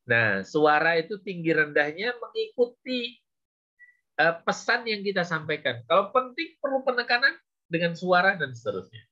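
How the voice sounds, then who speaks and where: A man lecturing on public speaking, with many short fillers and a measured, explaining manner. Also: high-pitched, sing-song, bright, forceful tone. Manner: slow, with frequent "ya" and "gitu ya" fillers. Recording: dull lo-fi recording.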